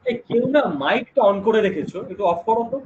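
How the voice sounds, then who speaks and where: High-voiced male teacher on a lo-fi stream. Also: fast talker. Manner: lively, chatty explaining with questions to students. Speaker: online exam-prep teacher. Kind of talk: live online class. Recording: dull lo-fi stream with noise.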